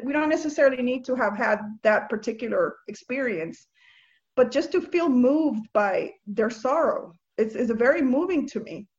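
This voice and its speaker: Interview guest: woman from Nicaragua, slightly high pitch, earnest and halting, lo-fi, dull recording. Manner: earnest, halting, with many restarts and soft laughs. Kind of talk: reflective spiritual conversation.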